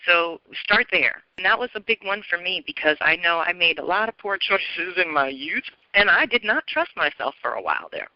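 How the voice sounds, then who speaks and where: A woman's voice: lowish voice, sing-song, normal speed, few pauses, no room sound, muffled recording. A woman astrologer giving an earnest, encouraging spoken forecast, often repeating her phrases.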